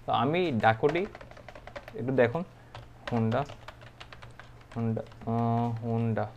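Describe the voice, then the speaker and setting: A man's voice: medium pitch, drawn-out words, a little mellow, dull audio, slight background noise. A man giving a casual programming tutorial, thinking aloud with many fillers and checks. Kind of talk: casual screen-recorded coding tutorial.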